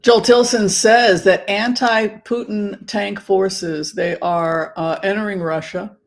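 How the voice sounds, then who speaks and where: A livestream host chatting casually with viewers in a theatrical, camp manner, with halting, drawn-out phrasing. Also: mid-range voice, fairly even intonation. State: allergies, occasional throat clearing. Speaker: livestream host and tarot reader.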